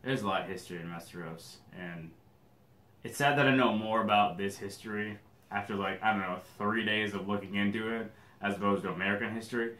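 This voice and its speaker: A co-host in a casual chat, cracking sarcastic jokes and going on animated rants. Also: deep voice, a little fast. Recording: roomy echo.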